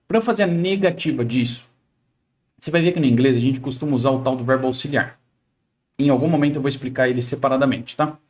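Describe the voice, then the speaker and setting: A young man from Brazil teaching an English lesson in a chatty, explanatory way, often checking in with the listener and shifting his intonation to model questions. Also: medium pitch. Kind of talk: casual online lesson.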